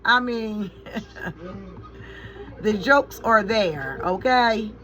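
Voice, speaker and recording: A woman's voice: medium pitch, extremely slow, rough recording. Chatty middle-aged woman vlogging. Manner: chatty, animated storytelling to viewers; exasperated, swearing in frustration. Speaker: beauty vlogger and mother. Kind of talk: casual chat while doing makeup.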